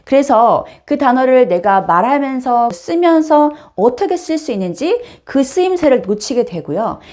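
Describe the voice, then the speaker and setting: A woman giving an online English lesson, with a fairly high voice that swoops up and down. She speaks directly to her viewers and stresses her points in a teacherly way. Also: big pitch swings, normal speed, darkish tone.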